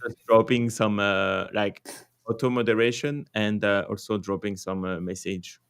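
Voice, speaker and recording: A man's voice: on the low side, fairly even intonation, normal speed, gravelly, fairly bright tone, clean tone. French-accented man, rambling livestream chat. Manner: rambling, filler-heavy, swears, laughs often. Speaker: crypto livestream host.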